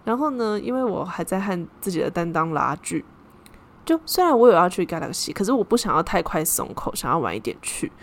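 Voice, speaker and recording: A woman's voice: on the low side, sing-song, brisk. A young woman hosting a podcast, telling a story in a chatty, casual way and dropping Japanese terms into her talk. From Taiwan. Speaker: podcast host.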